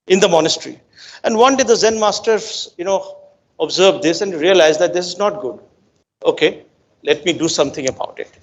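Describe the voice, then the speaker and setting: Male coach, Indian accent, high voice. Emphatic, instructive lecture delivery with repeated phrasing and check-in questions. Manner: emphatic repetition, frequent rhetorical check-in questions. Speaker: brain-based coach giving a talk to students. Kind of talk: motivational educational lecture with storytelling.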